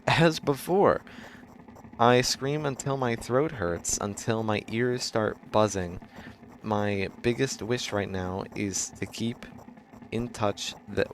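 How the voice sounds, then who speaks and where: A man streaming a game, reading its narration aloud in a halting way, stumbling and correcting himself, now and then breaking into loud dramatic shouts. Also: lowish voice, slight background noise. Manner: halting reading with frequent restarts and self-corrections.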